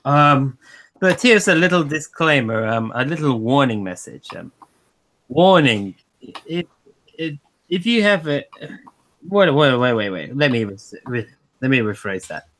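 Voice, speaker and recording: A man's voice: medium pitch, expressive, a little slow, fairly bright tone. A man chatting casually on a livestream, hesitant and restarting often. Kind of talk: casual chat.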